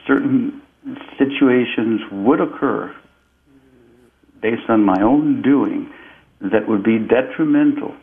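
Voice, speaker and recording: Slow, gravelly man on a tinny line. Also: mid-range voice. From Peru. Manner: slow, deliberate and reflective, with frequent repeated "and"s. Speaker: interview guest. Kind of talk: spiritual storytelling in a conversation.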